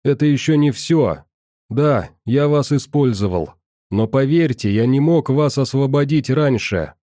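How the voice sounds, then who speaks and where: A man's voice: medium pitch, expressive, a little slow, warm tone, dry recording, studio quality, close to an everyday voice. A man voicing an agitated middle-aged male scientist who argues defensively and insists he meant well.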